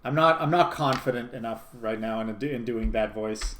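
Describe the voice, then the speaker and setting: A man's voice: mid-range voice, normal speed, a bit bright, slight background noise. A man hosting a stream, commenting casually and analytically on a clip, swearing often and rambling. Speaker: streamer host.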